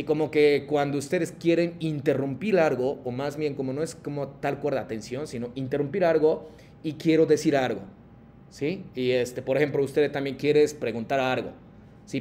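A man's voice: on the high side, darkish tone, a little hiss or hum. A man teaching a class online and calling on students by name, patient in manner. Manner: patient, calls on students by name, mixes Japanese prompts into Spanish explanations. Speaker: Japanese language teacher.

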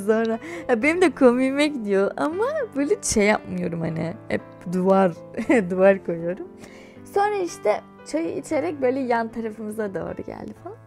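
Young woman, high-pitched, chatty storytelling vlog, laughs often, light music underneath. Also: creaky. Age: young adult. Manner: chatty, animated, laughs while telling. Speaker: YouTuber.

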